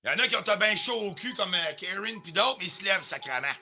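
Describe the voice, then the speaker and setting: A man's voice: sits high, expressive, fast, pushed and bright, soft background music. A man with a Quebec French accent ranting on a live stream, confrontational and heated, swearing often and dropping in English phrases. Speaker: livestreamer.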